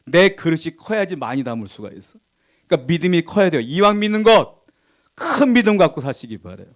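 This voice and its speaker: Pastor preaching with loud and quiet swings. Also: male voice, a little high, sing-song, fairly quick. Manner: swings between loud emphatic lines and quiet dropped asides; asks the congregation questions and reads scripture aloud. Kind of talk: sermon. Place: church.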